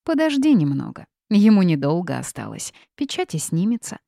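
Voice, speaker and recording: A woman's voice: medium pitch, expressive, a little slow, dark tone, no room sound, clean studio sound. A woman voicing an old, bitter, half-mad female witch who cackles and wails in an audiobook. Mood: mocking. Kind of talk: audiobook character reading.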